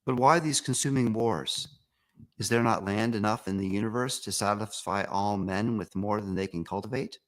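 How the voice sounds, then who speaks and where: A man with a fairly low voice reads an old essay aloud. His delivery is formal and declamatory, with rhetorical weight. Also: moderate pace, fairly bright tone. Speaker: reader.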